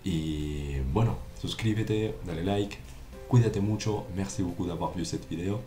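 A man with a low, dark voice speaks at a measured pace, giving a casual online French lesson in Spanish. He repeats examples and keeps checking that the viewer follows. The recording has a roomy echo and faint music.

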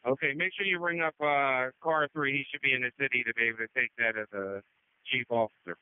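A man giving halting, measured incident reports as a fire commander over two-way radio, in the style of police radio traffic. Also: medium pitch, clear, resonant tone. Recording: phone-like narrow-band emergency radio.

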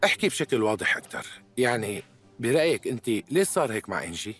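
A man's voice: mid-range voice, sing-song, fast talker, a bit bright, breathy edge, soft background music. A man dubbing a police officer who questions a suspect with blunt, pressing questions. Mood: stern. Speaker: dubbing actor. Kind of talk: Arabic dub of a TV drama.

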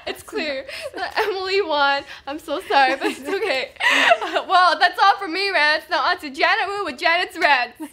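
A woman's voice: very high-pitched, normal speed, few pauses, sharp tone. A teenage girl hosting a casual school video segment, giggly and playful as she tries out silly accents. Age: teens. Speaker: student segment host.

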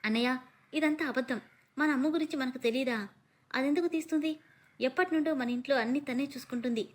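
A woman's voice: sits high, a little fast. A woman voicing a spirited young woman who protests urgently in defense of her family, in a storybook reading. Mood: protesting. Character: loyal young sister-in-law, spirited and protective.

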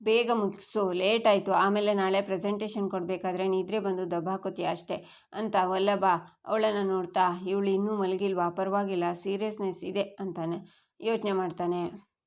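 A woman's voice: mid-range voice, level tone, normal speed, darkish tone. A woman, retelling a TV serial episode and reading every character's lines in her own plain voice. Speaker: narrator.

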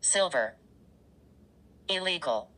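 A woman's voice comes through a spirit box radio sweep as single isolated words from a scanning radio device. It is low, very slow and husky, with a bright, sharp edge. Some words sound distant. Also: expressive. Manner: utters isolated one-word answers. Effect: spirit box radio sweep, single words between static.

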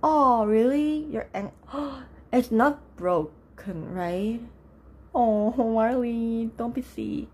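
A young woman with a voice gone low and rough from just waking up, teaching a live online class. She chats with viewers, greets them by name and laughs often. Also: extremely slow, darkish tone. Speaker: Korean language teacher. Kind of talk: live-streamed lesson with chat.

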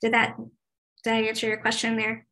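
Over a video call's laptop microphone, a web development presenter in her forties leads a staff training, and the recording is rough. She speaks brisk and monotone in a high-leaning, bright voice with a forceful tone. Chatty in style, she keeps saying um and restarting her sentences.

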